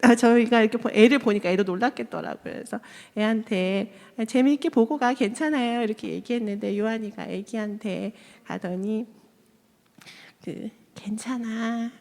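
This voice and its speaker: Woman telling a lively story in a hall. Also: fairly high pitch, normal speed, gravelly. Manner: lively storytelling, acts out quoted voices, laughs often. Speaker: church member giving testimony. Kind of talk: personal testimony told to a congregation. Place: church sanctuary.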